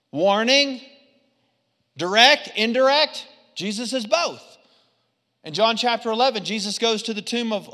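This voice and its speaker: Man, pastor, animated sermon, ringing bright voice, big reverberant hall. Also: high voice. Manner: animated preaching, swinging from loud punches to quiet asides.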